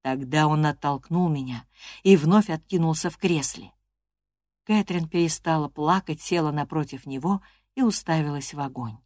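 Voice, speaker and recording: A woman narrating a classic novel as an audiobook, in a measured, expressive storytelling manner. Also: low voice, no echo, clean studio sound. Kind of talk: literary narration in first person.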